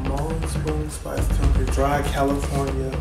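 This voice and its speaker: A man's voice: mid-range voice, level tone, measured pace, creaky. A young man chatting casually and reading aloud in a living room. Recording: echoey living room, loud music over voice.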